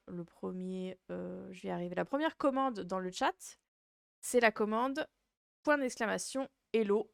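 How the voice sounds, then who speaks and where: Clear-voiced woman, cute casual streamer. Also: mid-range voice, no echo, studio quality. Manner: hesitant, rambling delivery. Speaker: VTuber livestream host. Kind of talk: casual livestream chat.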